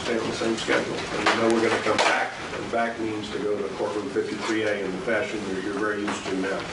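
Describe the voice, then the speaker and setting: A man serving as judge, giving measured, formal instructions to a jury, heard in a courtroom recording. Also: lowish voice, little pitch movement. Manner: measured, deliberate, with frequent uh fillers. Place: large courtroom. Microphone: distant room mic. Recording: echoey courtroom, far mic, loud hiss.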